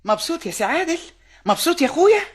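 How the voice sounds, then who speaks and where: A woman's voice: on the low side, expressive, fast talker, heavy background noise, close to an everyday voice. An actress playing a proud, touchy middle-aged mother of a suitor, speaking with an Egyptian accent in a sarcastic, indignant way. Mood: exasperated. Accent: Egyptian Arabic. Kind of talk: classic film acting.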